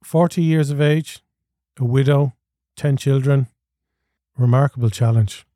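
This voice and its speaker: An Irish man hosts an interview podcast with a mid-pitched voice. The sound is close and dry. He speaks in a conversational presenting style. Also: measured pace, mellow, no echo.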